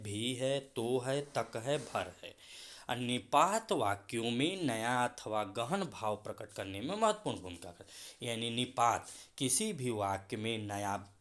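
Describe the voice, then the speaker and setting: A male school teacher giving a grammar lesson, explaining slowly, repeating example words and calling the students "beta". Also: mid-range voice, a bit bright.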